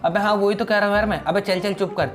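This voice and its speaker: A man's voice: high-pitched, fairly even intonation, faint music behind. A man giving brash gaming let's-play commentary, talking to his viewers as guys. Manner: brash, rapid banter, calls audience guys. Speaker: gaming YouTuber.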